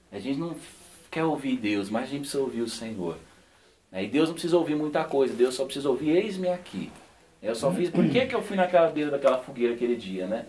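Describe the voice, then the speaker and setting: A man's voice: medium pitch, a little hiss or hum. A man, a pastor, gives an informal sermon and personal testimony at a home gathering, telling stories in a folksy way and often adding "né?". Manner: folksy storytelling, constantly adds "né?" and laughs softly.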